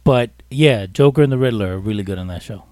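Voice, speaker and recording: A man's voice: fairly low pitch, fast talker, dark tone, no room sound. A young man co-hosting a wrestling podcast, teasing and cutting in with jokes in casual banter. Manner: teasing, interrupting. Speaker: podcast co-host.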